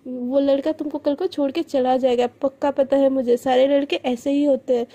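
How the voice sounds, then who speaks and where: A woman's voice: high-pitched, steady tone, moderate pace, mellow. Woman voicing a bossy, suspicious older roommate. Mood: stern. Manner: scolding, commanding.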